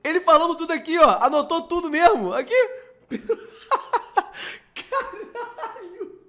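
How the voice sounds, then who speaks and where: Rio-young man, host, high voice, excited slangy storytelling with lots of swearing. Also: moderate pace. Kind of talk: casual storytelling.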